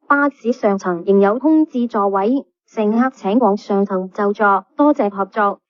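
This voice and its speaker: A woman's voice: medium pitch, unhurried, dry recording. Woman's announcement over a bus PA. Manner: calm, even, formal. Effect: played over a bus PA system. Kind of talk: scripted public announcement. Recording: dull lo-fi PA playback.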